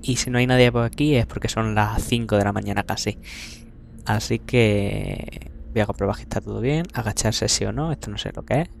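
A man's voice: fairly low pitch, vocal fry, slight background noise. A young man from Spain giving casual let's-play commentary, chatty and self-mocking, swearing casually as he goes. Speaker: gameplay commentator. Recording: game music playing loudly behind.

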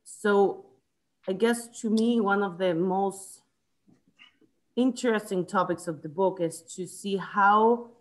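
A woman's voice: mid-range voice, slow pace, poor audio. A woman in her thirties from Chile, leading a book club discussion over a video call from home, thinking aloud with frequent restarts. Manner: thoughtful, restarts often, gestures while talking. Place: home room, indoors. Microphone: video call webcam.

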